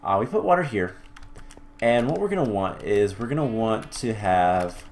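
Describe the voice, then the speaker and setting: A fairly low-pitched man talks through his gameplay at a desk mic, stopping to think aloud with plenty of "uh"s and quick self-corrections. Now and then he drops a dry, wry aside. Faint keyboard clicks and typing sit behind him. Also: animated, a little hiss or hum. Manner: thinks aloud with many fillers and restarts. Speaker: let's-play host. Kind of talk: casual gameplay commentary.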